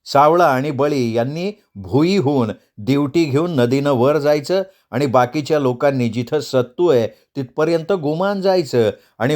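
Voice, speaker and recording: A man's voice: mid-range voice, darkish tone. A man narrating a novel as an audiobook, telling the story dramatically.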